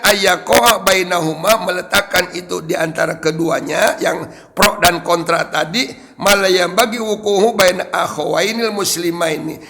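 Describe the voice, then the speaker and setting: Male preacher, Sundanese accent, gravelly and bright-toned, teaching lecture style with humorous asides. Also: high-pitched, long reverb tail. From West Java, Indonesia. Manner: explains Arabic text line by line, with joking asides. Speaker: Islamic preacher. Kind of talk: religious study lecture to a congregation.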